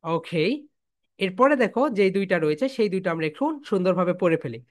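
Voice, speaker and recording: A woman's voice: on the low side, lively intonation. A woman teaching English letter sounds, chanting each sound and having the class repeat it. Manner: call-and-response drilling, repeating sounds slowly; calls students "my dear soldiers". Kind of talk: phonics drill lesson.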